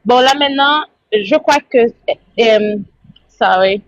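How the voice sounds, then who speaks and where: A woman from Haiti with a Haitian accent, calling in to a live stream and speaking in a hesitant, halting way with many restarts. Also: on the high side, no room sound, muffled recording. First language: not French. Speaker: caller.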